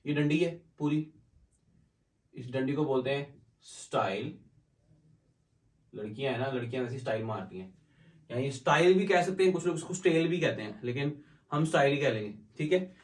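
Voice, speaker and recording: Heard at a distance in an echoey room, this animated, medium-pitched biology teacher lectures his class in blended Hindi and English. He asks his own questions and then answers them, slowing his delivery whenever he dictates definitions in English.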